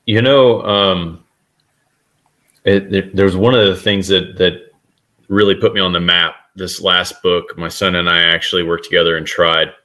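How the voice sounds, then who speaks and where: Low, bright-voiced man talking leadership. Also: steady tone. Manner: earnest, halting with restarts. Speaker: guest author. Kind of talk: casual podcast interview.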